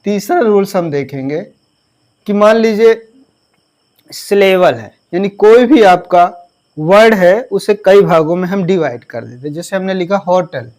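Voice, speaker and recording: Slow, high-voiced male grammar teacher. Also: a little mellow. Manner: asks the class questions and answers them himself; spells words out letter by letter. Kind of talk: classroom lesson explaining grammar rules.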